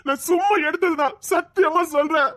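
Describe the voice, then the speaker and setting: A woman's voice: very high-pitched, brisk, a bit bright, dry recording. A woman doing a panicky, pleading young man. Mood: frantic pleading. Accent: Tirunelveli Tamil. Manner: frantic, wailing and begging. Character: panicked young male boyfriend, pleading and guilt-ridden.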